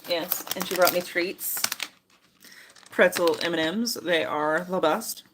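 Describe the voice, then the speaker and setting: Low-voiced middle-aged woman, chatty. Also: slow, background noise. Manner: relaxed, chatty, many fillers. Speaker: mother and moderator of the stream. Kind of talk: casual chat.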